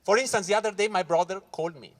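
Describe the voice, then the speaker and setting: This stand-up comedian, a Swiss man from Ticino, performs in English at a corporate event hall before a live audience. His voice is high and quick, and he works the crowd loudly and animatedly, speaking straight to them and constantly saying "guys."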